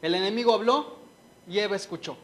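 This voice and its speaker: High-voiced man preaching earnestly. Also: brisk, fairly bright tone. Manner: earnest, emotional, speaks to listeners directly. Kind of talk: sermon with personal testimony.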